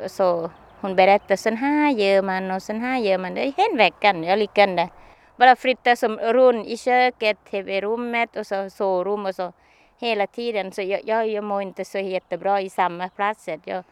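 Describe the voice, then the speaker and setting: A woman being interviewed, recounting a personal experience in halting, simple sentences with frequent restarts. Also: medium pitch, clear, resonant tone, no echo.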